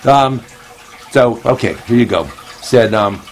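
Male comedy host, slow and meandering, recorded on a phone at home with faint room noise behind. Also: medium pitch, rough recording. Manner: rambling, meandering delivery. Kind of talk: comedic monologue.

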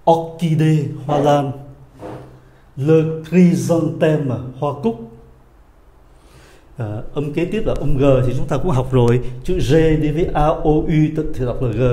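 Slow, patient man teaching pronunciation. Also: mid-range voice, mellow, reverberant. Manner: slow, drawn-out model words between quick explanations. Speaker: French teacher. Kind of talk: pronunciation lesson.

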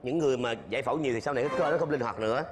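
A man's voice: mid-range voice, racing. A man acting in comedy sketches with joking, playful banter.

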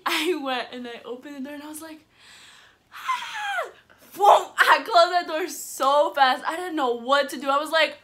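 A young woman hosting a casual storytime chat with friends, excitable and laughing, full of "like" and "literally". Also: high voice, a little fast, few pauses, noisy background. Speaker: channel host.

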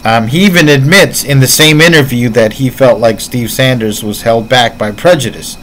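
A man's voice: medium pitch, moderate pace, fairly bright tone, a little hiss or hum, rough recording. A man giving casual reaction commentary on martial arts, explaining his points earnestly while thinking aloud.

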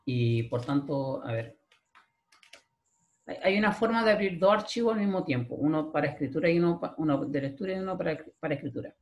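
Speaking fairly quickly with lively intonation and a voice on the high side, a Chilean-accented man teaches programming over a recorded screen share. He goes step by step and keeps checking in with a frequent "¿ya?".

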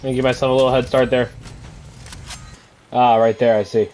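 A man's voice: mid-range voice, little pitch movement, brisk, darkish tone. Scared male horror game streamer, noisy background. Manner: casual slangy talk with swearing. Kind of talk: live horror game commentary, casual chat.

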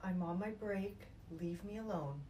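Jaded female flight attendant, played by a woman, comedy skit: deadpan, dismissive, off-mic. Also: medium pitch, unhurried, recorded from a distance, voice pushed down, close to an everyday voice. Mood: bored, dismissive.

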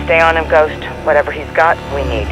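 An actor playing an authoritative intelligence watcher directing operatives in terse military dialogue over a radio filter. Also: male voice, a little high, steady tone, fairly quick, over music, rough recording. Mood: brisk, focused. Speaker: mission controller on comms. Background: game score.

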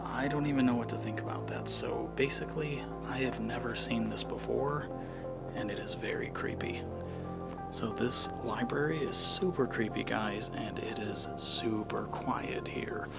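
A man records a vlog in a hushed near-whisper. His medium-pitched voice is gravelly with vocal fry and keeps low and secretive. Music plays clearly underneath. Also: a little slow. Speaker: vlogger. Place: quiet empty library, indoors.

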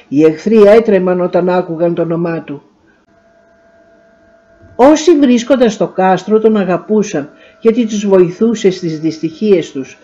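Woman narrator, storybook reading, measured and expressive; warm, mellow timbre, slightly dull recording. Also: fairly low pitch.

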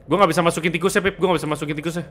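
A young man streaming a co-op horror game with friends, calling out directions in quick excited repeats. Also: a little high, slight background noise. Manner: excited, rapid repeated callouts. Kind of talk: casual co-op gaming chat.

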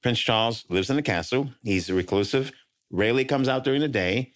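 A man's voice: medium pitch, brisk. A man co-hosting a comedy podcast, rambling and jokey, often restarting his sentences. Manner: rambling, jokey, self-interrupting. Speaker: podcast co-host. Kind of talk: casual podcast chat.

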